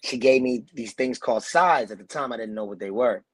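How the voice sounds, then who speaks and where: This guest actor, a New Jersey man in his thirties, spins laid-back, slang-filled stories over a video call interview. He talks at a brisk clip in a medium-pitched voice.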